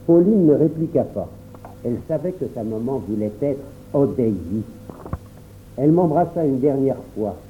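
A man tells the story in the first person at a calm, measured pace, with a mid-range voice. The sound is thin and phone-like, with a faint noise underneath. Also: mid-range voice. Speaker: narrator. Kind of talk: storybook narration. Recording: tinny phone-like audio with faint hum.

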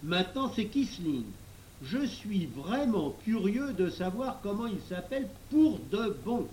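A man reading a storybook and voicing a cheeky, excitable boy. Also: sits high, a little slow, a little hiss or hum, voice pushed up, poor audio.

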